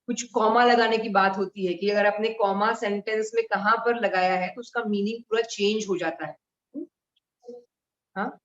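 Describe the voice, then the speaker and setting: A woman teaching mudra therapy to a live group in a conversational way, explaining with everyday examples. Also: mid-range voice. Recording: roomy and dull.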